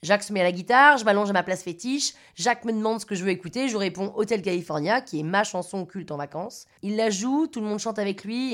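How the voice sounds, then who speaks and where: Wry Parisian woman telling her story. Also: mid-range voice. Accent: Parisian French. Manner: wry, self-mocking, conversational. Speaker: podcast storyteller. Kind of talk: scripted personal narration.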